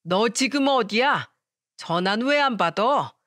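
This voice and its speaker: A suspicious older mother-in-law barks accusations in a raised, scolding voice, as a woman puts her on. The voice is pitched up and pushed louder than the storyteller's own. It sounds like a story radio drama recorded close and dry. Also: animated, a little slow, no echo.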